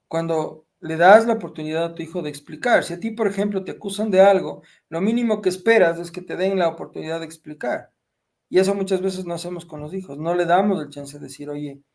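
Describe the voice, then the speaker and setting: A middle-aged man giving parenting advice in a conversational way, telling stories and often checking in with short tag questions. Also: sits high. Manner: storytelling, frequent tag questions. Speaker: parenting speaker.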